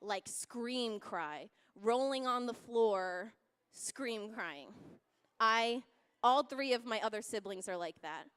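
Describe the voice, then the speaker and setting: A young woman telling a funny story at a church youth service, animated and laughing as she acts out voices. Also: fairly high pitch, slow, smooth. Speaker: youth speaker. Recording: long hall reverb.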